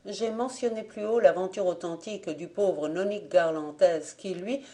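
Woman reading a tale, mellow voice. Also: on the low side, normal speed. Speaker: audiobook reader. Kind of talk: reading a classic French tale aloud.

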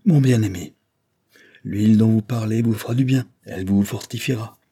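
A man doing a grave, gentle father. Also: fairly low pitch, moderate pace, breathy edge. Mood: tender. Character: grave, tender widowed father, a lawyer.

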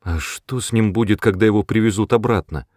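A man's voice: lowish voice, brisk, a little mellow, dry recording, studio quality, natural voice. A man reading an audiobook, voicing an anxious, tender-hearted young girl with a worried, pleading manner.

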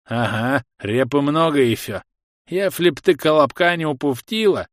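A man's voice: on the high side, moderate pace, no echo, studio quality, voice pushed up, natural voice. A man voicing a stubborn old village grandfather who speaks with a lisp. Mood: grumbling. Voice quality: lisping.

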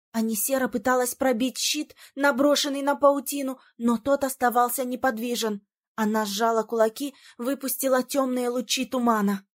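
A woman narrating a first-person fantasy audiobook in a dramatic, expressive reading. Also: high-pitched.

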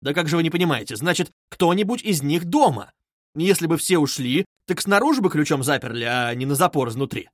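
A man putting on an excitable young student, high and bright, who pushes every point loudly and quickly. The voice is clean and close, with no room around it. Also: no echo. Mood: eager, urgent. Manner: loud, quick, insistent.

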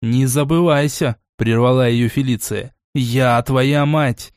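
A man's voice: medium pitch, slow, darkish tone, smooth, dry recording, clean studio sound, natural voice. A man reading an audiobook and voicing a cold, domineering aristocratic mother who grumbles and commands. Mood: commanding.

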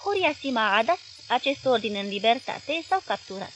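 A calm young man answers with dry irony, as a woman narrator voices him. Her voice stays somewhat high, with a faint hiss under this audiobook reading. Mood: wry.

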